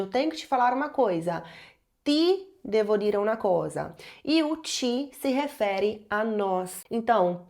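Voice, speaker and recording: A woman's voice: a little high, darkish tone. A Brazilian woman from Espírito Santo with a Brazilian Portuguese accent, teaching an online Italian lesson and carefully modeling each Italian word. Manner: clear, didactic, models Italian words slowly.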